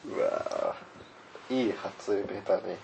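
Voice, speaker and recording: A man co-hosting a podcast in casual chat, teasing and answering with short, quick reactions. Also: lowish voice, gravelly, darkish tone, slight background noise. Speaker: podcast co-host.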